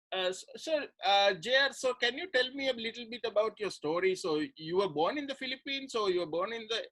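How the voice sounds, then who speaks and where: A man's voice: high voice, lively intonation, brisk, a bit bright, rough recording. A male host interviewing a musician in casual chat, friendly and laughing, with many fillers in his questions.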